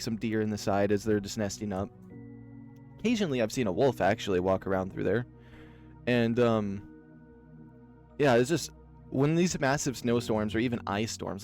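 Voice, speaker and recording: A man with a fairly low, somewhat dark voice hosts a let's play of a visual novel. He's from Oregon, USA, and tells rambling anecdotes casually, packing his talk with fillers.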